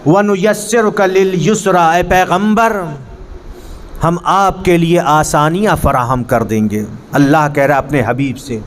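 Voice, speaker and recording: In a mosque hall, a religious teacher with a slightly high male voice runs a Quran pronunciation class, earnestly correcting students and demonstrating the Arabic sounds. A faint hiss or hum sits under the recording.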